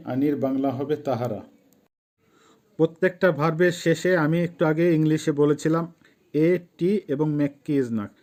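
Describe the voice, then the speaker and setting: A man's voice: on the high side, warm tone. A man giving a step-by-step language lesson over a screen, saying each word and then repeating it for the learner. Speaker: language teacher.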